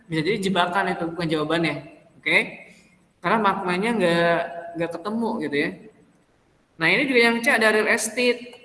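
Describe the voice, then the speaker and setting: A man's voice: sits high, pushed and bright. A man lecturing an English class, switching between Indonesian and English and often checking with students through rhetorical questions. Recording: echoey room with long reverb.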